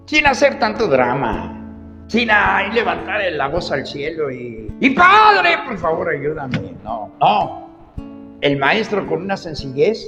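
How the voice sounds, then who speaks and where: A male preacher giving an animated sermon in a church, repeating words and swinging between loud and hushed. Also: sits high. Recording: reverberant hall, faint music.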